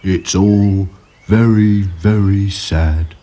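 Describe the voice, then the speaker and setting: A man doing a slow, gloomy rag doll. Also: lowish voice, big pitch swings, mellow. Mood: glum. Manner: slow, drawn-out and glum.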